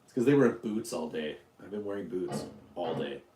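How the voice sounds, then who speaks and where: A man's voice: sits low, animated, fairly quick, dark tone, roomy sound, a little hiss or hum. A man from Utah hosting a casual live stream, rambling, joking and answering questions from his chat. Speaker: YouTube livestream host.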